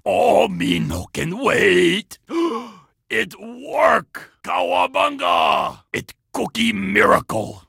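A greedy, childlike furry monster who craves cookies and mangles his grammar in a children's game. The voice sits high and sharp, full of gravelly rasp. It swings wildly up and down, unhurried, dry and close. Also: no room sound, full character voice. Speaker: in-game character.

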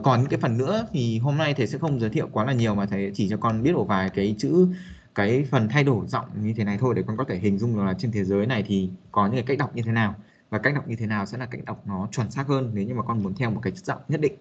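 Here a man speaks quickly in a voice on the low side, with a breathy edge and dull-sounding audio. Addressing a young student as a child, he teaches casual spoken English in a hesitant way, leaning on many fillers.

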